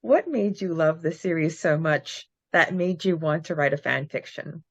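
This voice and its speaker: This fan podcast co-host has a low voice with a breathy edge and no echo. She reads out questions and answers, chats casually, talks in quick bursts, and laughs frequently. The sound is dry, dull, and lo-fi.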